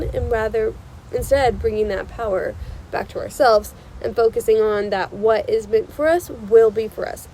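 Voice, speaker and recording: A woman's voice: fairly high pitch, mellow, a little hiss or hum, rough recording. Stuffy-nosed young woman, emphatic vlogger. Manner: emphatic, insistent and reassuring, repeats herself for emphasis. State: stuffy nose from illness. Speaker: channel host. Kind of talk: casual spiritual advice vlog. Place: outdoors on a porch. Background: passing cars.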